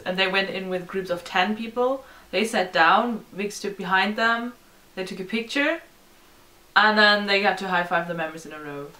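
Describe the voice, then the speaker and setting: A woman's voice: mid-range voice, moderate pace. A young woman, chatting candidly as a vlog co-host about a concert. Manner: lively, candid, laughs often. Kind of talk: casual chat reviewing a concert. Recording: roomy, distant mic.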